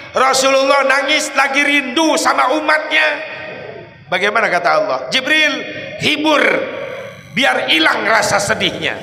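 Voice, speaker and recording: A man with a Sundanese accent preaching a lively story sermon in a mosque, dramatic and emphatic, rising to shouts at the high points. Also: gravelly, echoey room, long reverb tail, a little hiss or hum.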